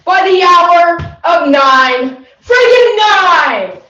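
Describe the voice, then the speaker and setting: A young woman performing a loud, hotheaded young male actor who talks brash and shouty, heard in an echoey room from a distant mic. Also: on the high side, lively intonation, slow, highs cut off. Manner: brash, shouty tough-guy talk. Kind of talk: competitive humorous interpretation.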